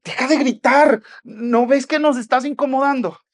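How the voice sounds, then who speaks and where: A man putting on a shrill, scolding bystander. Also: moderate pace. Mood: annoyed. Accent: Mexican. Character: irritated bystander shushing a shouting beggar.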